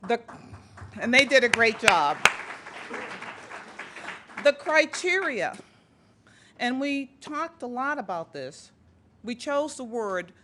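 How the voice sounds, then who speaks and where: A woman with a Boston accent giving a prepared speech to present an award. Her voice sits somewhat high, and she speaks earnestly, often restarting her sentences. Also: a bit bright.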